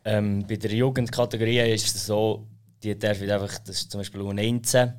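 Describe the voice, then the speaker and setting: A man with a Swiss German accent giving matter-of-fact, somewhat halting explanations as an interview guest. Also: on the low side, fairly even intonation, smooth. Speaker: sports association president, interview guest.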